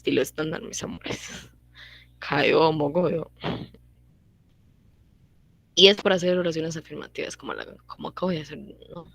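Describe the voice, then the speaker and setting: A young woman teaching a relaxed online grammar class, with a lower voice recorded dry and close. She goes over each rule more than once and keeps checking in with her listeners through short tag questions. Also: creaky, breathy edge, dry recording. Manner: repeats points and checks in with quick tag questions. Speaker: language teacher. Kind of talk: casual online grammar lesson.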